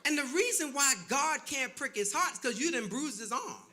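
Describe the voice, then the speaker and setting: Bright, teasing preacher-comedian in a roomy hall. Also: male voice, very high voice, expressive, moderate pace. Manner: loud, teasing crowd work with call-and-response. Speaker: pastor and comedian. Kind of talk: stand-up comedy set. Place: church sanctuary before a live audience.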